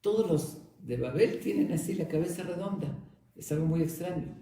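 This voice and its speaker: A man's voice: a little high, normal speed, dark tone, far from the mic, slight background noise, voice pushed up, lightly acted. A man voicing a provocative young man who pesters with silly questions in a mock-innocent way, in a very echoey room. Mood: pestering.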